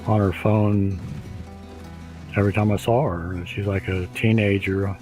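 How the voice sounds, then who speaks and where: An older man in his seventies, interviewed for a documentary. His voice sits low, and he tells his story in a halting way, full of restarts and small fillers. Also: fairly even intonation, a little mellow, faint music behind. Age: 70s. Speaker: interviewee, husband.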